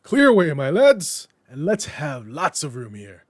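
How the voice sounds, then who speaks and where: A man voicing a jovial, fat old warehouse master in a storybook reading, calling out heartily in a rich, booming voice. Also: huge pitch swings, unhurried, no echo, clean studio sound, exaggerated voice. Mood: jovial, exuberant.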